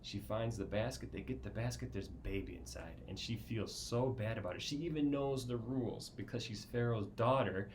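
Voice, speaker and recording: A man's voice: fairly low pitch, normal speed, few pauses, background noise. A man teaching a children's Bible lesson, explaining casually with frequent "right?" check-ins.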